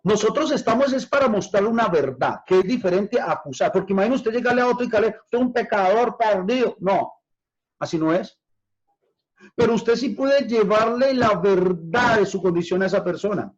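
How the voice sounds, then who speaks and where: A man preaching as pastor in a discipleship class, addressing listeners as brothers, asking them questions and drawing out key words slowly for emphasis. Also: sits high, lively intonation. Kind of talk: discipleship teaching on scripture. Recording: dull lo-fi recording.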